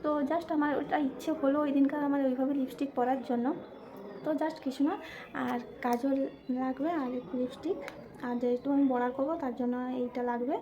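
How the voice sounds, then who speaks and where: A woman from hosts a casual makeup tutorial vlog at home, speaking softly on purpose. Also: high-pitched, steady tone, brisk, lo-fi sound, crowd noise. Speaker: vlogger.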